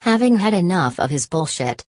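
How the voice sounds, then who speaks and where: A woman's voice: fairly low pitch, sing-song, moderate pace, darkish tone, no room sound. A woman narrating a scripted superhero story as an audiobook narrator.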